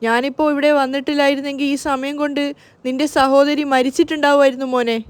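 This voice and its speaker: A woman voicing a grieving middle-aged mother who scolds and pleads through her distress, speaking slowly. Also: high voice, level tone, no echo, natural voice. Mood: anguished. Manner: slow, anguished scolding.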